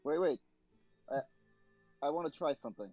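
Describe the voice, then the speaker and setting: A man's voice: fairly high pitch, lively intonation, moderate pace, no echo, faint music behind. A man playing a tabletop game in casual chat, recorded on dull lo-fi audio.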